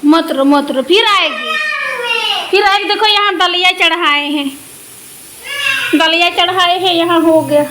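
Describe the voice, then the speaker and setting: A high-pitched woman vlogger, recorded outdoors on a handheld phone. She soothes a crying child in gentle, repetitive words. Loud ambient noise runs under her voice the whole time. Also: measured pace, pauses often. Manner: coaxing and soothing a crying child, repeating short phrases. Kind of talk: casual daily vlog. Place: outdoors in the sun.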